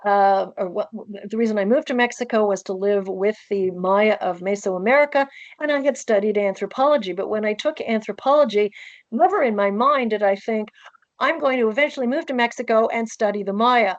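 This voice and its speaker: A woman's voice: mid-range voice, fairly quick, dry recording. An older woman with a soothing transatlantic accent and an elegant old-Hollywood way of speaking, answering questions as a guest on a video call. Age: older, 60s or above. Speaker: guest author and presenter. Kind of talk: conversational question-and-answer on a webinar. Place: book-lined room at home, on a video call. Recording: dull, lo-fi video call audio.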